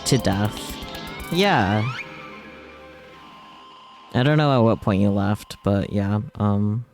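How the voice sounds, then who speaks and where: He takes his time, his fairly low voice reading out visual novel text on stream between casual, wry asides. Game music sits behind the voice throughout.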